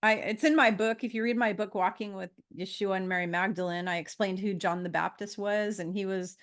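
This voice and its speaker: A woman's voice: medium pitch, steady tone, fairly quick. Rambling woman in her fifties. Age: 50s. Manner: meandering, with frequent fillers and restarts. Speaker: guest. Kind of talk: casual conversation.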